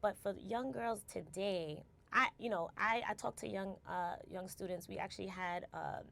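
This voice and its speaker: There's vocal fry in this American woman's medium-pitched, fairly bright voice as she reflects in a casual interview at moderate speed. The company founder regularly adds "right?" and restarts words.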